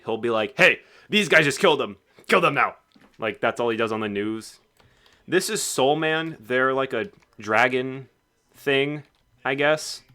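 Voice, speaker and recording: Offhand man with a bright, crisp voice. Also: medium pitch. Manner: rambling, offhand. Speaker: game developer. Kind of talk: casual devlog narration.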